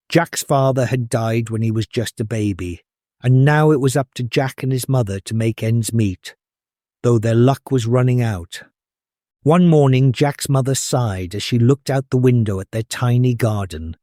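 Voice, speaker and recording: A man reading a children's storybook aloud as a storyteller, in the expressive, measured manner of a fairy tale opening. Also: mid-range voice, no room sound, clean studio sound.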